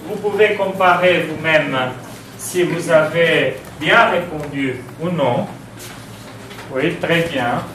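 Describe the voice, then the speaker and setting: A man with a Romanian accent teaches French spelling in a classroom, speaking slowly with many pauses and repeated words. His voice sits fairly high for a man. It is picked up from across a very echoey room, with faint background noise. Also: fairly bright tone, far from the mic. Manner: slow, halting delivery with frequent "euh", spelling out letters and repeating words. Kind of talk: classroom lesson on spelling rules.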